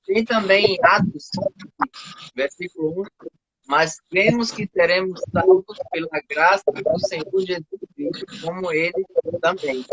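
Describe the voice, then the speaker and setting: A man preaching over a video call whose audio keeps cutting out, pausing often with "né" as he reads scripture. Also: sits high, sing-song, gravelly, background noise. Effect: choppy audio that keeps cutting out. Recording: dull lo-fi call audio with dropouts.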